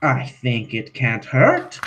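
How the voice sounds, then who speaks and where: Dude voicing a scheming showy doctor, big swoopy delivery, slow. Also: male voice, mid-range voice, huge pitch swings, fairly bright tone, voice pushed down, heavily acted, poor audio. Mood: grandiose. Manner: grandiose, showman-like. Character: theatrical scheming male doctor.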